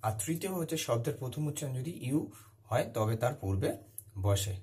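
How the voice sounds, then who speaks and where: A man's voice: medium pitch, expressive, a little fast, a little mellow. A man teaching a grammar lesson, who keeps repeating key words and answers his own questions. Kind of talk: classroom-style grammar lesson.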